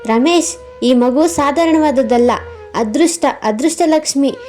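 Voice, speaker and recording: A woman's voice: sits high, a little slow, darkish tone, soft background music. A woman voicing a solemn astrologer priest in a cartoon story, pronouncing a child's fate.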